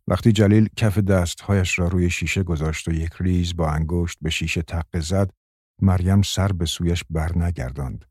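A man narrating an audiobook in a calm, measured way. His voice is very low and dark with a husky edge, recorded close and dry with no room sound. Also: no echo.

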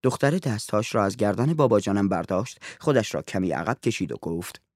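Expressive male story narrator. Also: fairly low pitch, dry recording, studio quality.

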